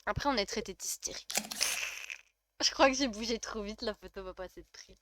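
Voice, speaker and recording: A woman's voice: medium pitch, brisk, background noise. A young woman with a French accent streaming a life-sim game, chatting casually and gushing as she reacts to her chat. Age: young adult.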